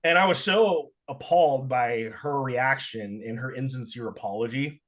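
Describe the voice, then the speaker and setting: A young man co-hosting a podcast, telling a story in a casual, animated rant full of swearing and filler words. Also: mid-range voice, normal speed. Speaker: podcast co-host.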